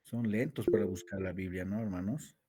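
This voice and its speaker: A Bible teacher with a husky, dark, rather low voice leads a theology class. He reads verses aloud, slowly stretching key words for emphasis, and quizzes his students.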